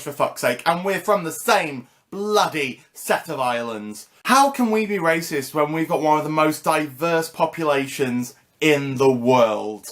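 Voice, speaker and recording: A British man vlogging casually to camera, with a cheeky, sarcastic, ranting manner. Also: a little high. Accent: British English. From Britain.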